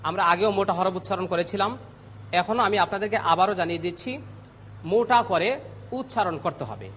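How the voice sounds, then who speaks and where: Man teaching letter sounds on tv, high bright voice, slow and repeating, faint room noise. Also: expressive, big-room sound. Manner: slow, instructive, repeats letters loudly for students. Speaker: Quran recitation teacher. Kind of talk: televised pronunciation lesson. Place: TV studio.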